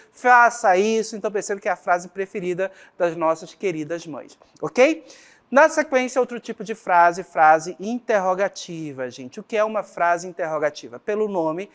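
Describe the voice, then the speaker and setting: A woman teacher with a Brazilian Portuguese accent giving a grammar lesson, explaining patiently and checking in with the class often. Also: lowish voice.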